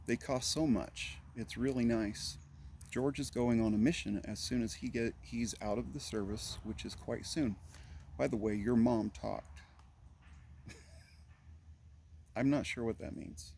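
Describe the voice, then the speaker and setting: A man's voice: medium pitch, dark tone, slight background noise. An older man reading his parents' old letters aloud, earnestly, with amused comments in between. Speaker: family letter reader.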